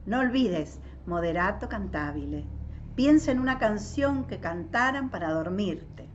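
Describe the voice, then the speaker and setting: A woman's voice: medium pitch, expressive, unhurried, a little hiss or hum, natural voice. A woman with an Argentine accent reading the part of a strict piano teacher in a firm, commanding tone. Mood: stern. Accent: Argentine Spanish. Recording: dull lo-fi audio.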